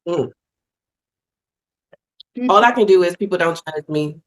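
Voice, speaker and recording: A middle-aged woman, a singer, talking as a guest in a casual interview, animated and effusive, often restarting her sentences. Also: fairly low pitch, measured pace.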